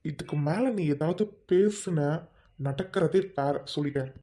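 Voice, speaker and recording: A woman's voice: low voice, a little slow, very noisy. A woman voicing a troubled young husband, a doctor, who apologizes and snaps in anger by turns. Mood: furious. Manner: apologetic, then snapping in anger.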